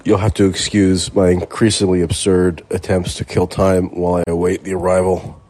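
Low-pitched thirtysomething guy, self-mocking chat, kind of sick, call-in show. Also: flat delivery, moderate pace, darkish tone. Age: 30s. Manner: rambling, wry, self-mocking. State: recovering from covid, coughing. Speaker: host. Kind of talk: casual call-in podcast chat.

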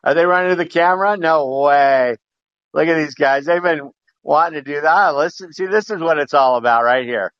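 A man's voice: on the high side, fairly quick, no room sound. A man co-hosting a podcast, talking through a live football game in an easygoing way, asking questions and praising plays. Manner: easygoing, admiring, asks questions. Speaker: podcast co-host. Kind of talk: casual live game commentary. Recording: dry, dull lo-fi sound.

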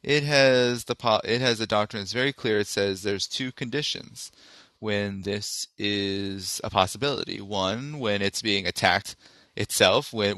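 Male call-in podcast host; bright, lowish voice, dry sound, loose unscripted delivery. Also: no echo. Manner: casual, thinking aloud with fillers.

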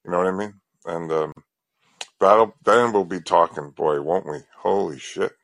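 Deep gravelly-voiced man calling in. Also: moderate pace, a bit bright, no echo, rough recording. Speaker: caller. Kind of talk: phone-in conversation.

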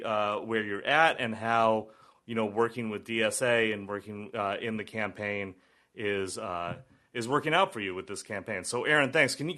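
An American man hosting a political interview show casually, halting and circling back on his phrases. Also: mid-range voice, bright, forceful tone.

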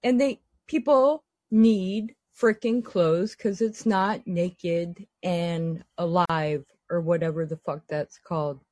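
A woman's voice: lowish voice, takes it slowly, few pauses, a little mellow, dry recording, studio quality. A woman chatting casually in an exasperated, sweary ramble, her S sounds lisped and slurred, lips over toothless gums. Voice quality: lisping, slurred S sounds from missing teeth. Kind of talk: casual chat.

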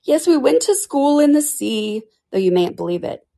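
A woman's voice: sits high, expressive, moderate pace, gravelly, warm tone, pitched above the performer's own voice. A woman voicing an impatient male Griffin in a storybook reading, brusque and commanding. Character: gruff, impatient male Griffin, bossy creature.

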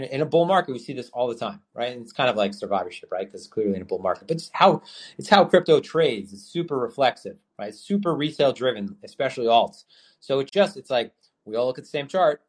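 A man of middle pitch with the hiccups, hosting a call-in podcast from his home trading desk. He rambles in casual talk, full of restarts and fillers, and swears now and then. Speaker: podcast host.

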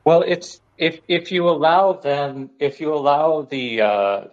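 A man's voice: on the high side, unhurried. A man calling in to a show, rambling casually with many restarts and fillers. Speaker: caller. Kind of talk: casual call-in chat. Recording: dull lo-fi call line.

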